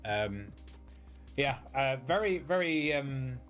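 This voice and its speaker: A middle-aged British man streams games and chats casually, rambling and often searching for words, with music playing behind him. His mid-range voice is expressive and a bit bright, and he speaks slowly.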